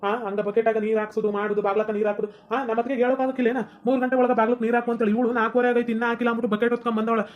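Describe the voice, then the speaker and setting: A woman acts out a quarrelsome young husband in a comedy skit, arguing in a North Karnataka Kannada accent. The voice is high for a man and the words pour out very fast. The recording sounds dull and lo-fi. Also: flat delivery, close to an everyday voice. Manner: quarrelsome, complaining. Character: young husband Shankar, hotheaded son.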